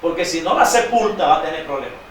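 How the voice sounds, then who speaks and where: A man preaching a sermon, quizzing his congregation with call-and-response questions and reading scripture slowly with emphasis. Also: fairly high pitch, lively intonation, fairly bright tone, a little hiss or hum. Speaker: pastor. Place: church sanctuary. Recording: very echoey church hall, distant mic.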